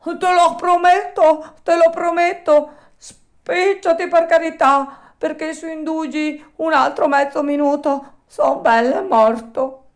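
A woman voicing a frightened male dog in a storybook reading, with high, drawn-out, wailing pleas. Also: level tone, darkish tone. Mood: pleading. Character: terrified drowning male dog, later grateful.

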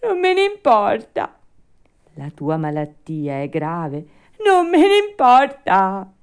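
A woman voicing a stubborn, whiny wooden puppet boy, shrill and wailing. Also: wildly swooping pitch, takes it slowly, clear, resonant tone, full character voice.

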